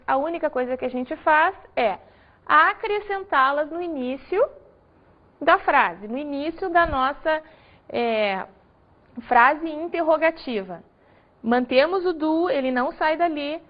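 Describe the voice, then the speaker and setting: A woman's voice: high-pitched, animated, slow. A woman from Brazil, an English teacher, patiently explaining grammar and stressing each example word. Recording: dull lo-fi recording.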